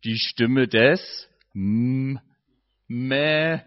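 A man's voice: fairly high pitch, sing-song, a little slow, dry recording, muffled recording. A man preaching a sermon in a conversational way, joking and putting questions to his audience.

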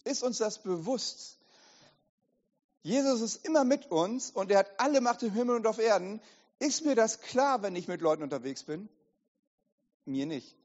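A man preaching as a pastor, lively and direct, often asking the congregation questions, recorded in an echoey hall with dull sound. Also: high-pitched, moderate pace, long pauses. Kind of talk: sermon.

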